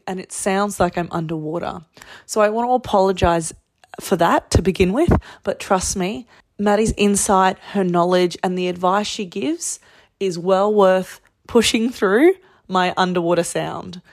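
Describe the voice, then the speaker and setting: An Australian woman hosting a podcast, presenting a prepared introduction straight to the listeners. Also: on the low side. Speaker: podcast host.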